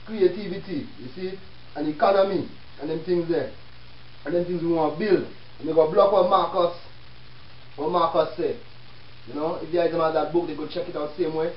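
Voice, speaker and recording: Preaching rhetorically and peppering his talk with check-in questions, this Jamaican-accented Rasta preacher-lecturer hosts a self-help show built around an informal Rastafarian lecture with readings. His voice is fairly high, his tone steady, and his speed normal. A distant mic in an echoey room leaves the audio dull and hissy.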